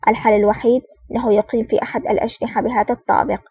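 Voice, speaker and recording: Woman reading stern male spy, curt commands, fast flat delivery, distant dull audio. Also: fairly high pitch, slightly rough, dry recording. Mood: serious. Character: stern, terse male secret agent. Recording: dull, distant, dry recording.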